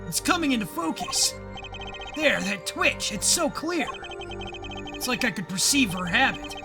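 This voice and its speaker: A woman's voice: a little high, measured pace. A woman giving casual, joking let's play commentary as the host. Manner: joking, excitable. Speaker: game streamer. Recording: game music playing behind.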